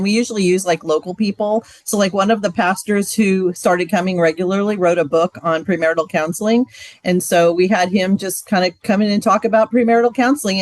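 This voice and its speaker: A middle-aged woman who trains for a ministry gives a casual, chatty, loose training talk, filling it with frequent fillers. Her voice is mid-range, and there's no room sound.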